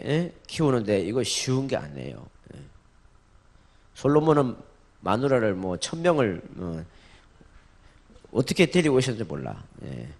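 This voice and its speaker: Animated Gyeongsang man preaching. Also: mid-range voice. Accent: Gyeongsang Korean. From Gyeongsang region, Korea. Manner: animated, acts out dialogue in varied voices, leads call-and-repeat. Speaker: church lecturer. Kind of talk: sermon lecture to a congregation. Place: church in Busan.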